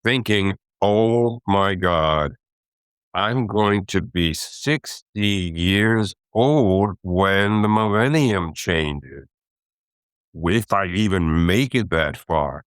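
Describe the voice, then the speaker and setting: Slow, deep-voiced man in his eighties. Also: clean tone, no echo, studio quality. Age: 80s. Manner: slow, reflective storytelling with hesitations. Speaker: guest. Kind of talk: relaxed interview talk.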